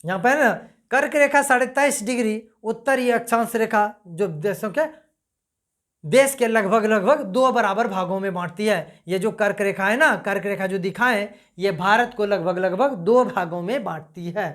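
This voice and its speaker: Woman teaching with frequent repetition. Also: medium pitch. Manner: repeats points and quizzes listeners, pausing often. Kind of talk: casual classroom-style lesson.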